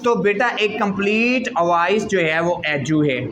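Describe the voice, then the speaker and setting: A man's voice: high-pitched, expressive, slow, fairly bright tone. A man teaching an English lesson in a classroom. He speaks with a flavor, keeps asking the class questions and calls the students "beta". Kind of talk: classroom lecture. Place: school classroom. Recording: noisy classroom with crowd chatter.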